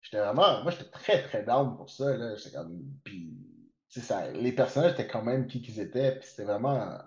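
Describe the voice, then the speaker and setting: A man's voice: mid-range voice, lively intonation, moderate pace, darkish tone, reverberant, dull audio. A man co-hosting a podcast in casual chat, mixing English into his with lots of fillers. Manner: chatty, mixes English into French, many fillers. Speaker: podcast co-host.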